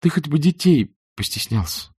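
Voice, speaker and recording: A man's voice: mid-range voice, huge pitch swings, normal speed, darkish tone, breathy edge, dry recording, clean studio sound, pitched above the performer's own voice, heavily acted. A man voicing a weary wife who pleads with and reproaches her drunk husband. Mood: reproachful.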